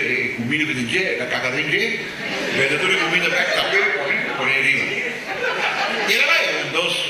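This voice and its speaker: A man doing stand-up comedy storytelling, animated, jumping into high squeaky voices for the people in his stories. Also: noisy background. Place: live stage with audience. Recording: echoey distant live room recording. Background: audience laughter.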